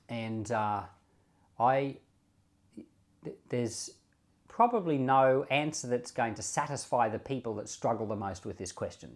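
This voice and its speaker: A man who is a pastor and hosts a Bible podcast teaches in a medium-pitched, somewhat dark voice. His style is informal and explanatory: he reasons aloud and repeats key points with emphasis.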